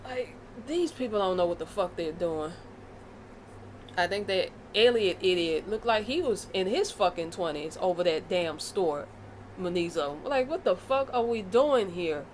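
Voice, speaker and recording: A woman's voice: lowish voice, lively intonation, measured pace, slight background noise. An American woman vlogging a casual commentary rant, blunt and profane, with a fired-up delivery. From United States.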